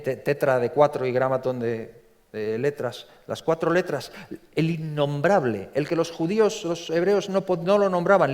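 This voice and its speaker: Animated preacher from in a big hall. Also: male voice, on the high side. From Spain. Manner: animated, repeats words, acts out quotes in a story. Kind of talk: sermon. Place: large church. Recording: long reverb from a church hall.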